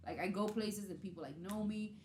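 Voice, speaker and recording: A podcast host leads a casual interview chat, speaking a little fast in a warm, medium-pitched voice and peppering her loose sentences with "like." The recording has a roomy echo and a little hiss or hum.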